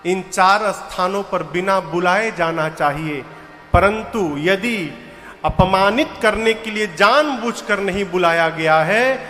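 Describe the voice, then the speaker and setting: A man's voice: high voice, slow, sharp tone, in a large hall, soft background music. A man telling a devotional story as a sermon, with light humor and short sung verses. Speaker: kathavachak preacher. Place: large pavilion tent.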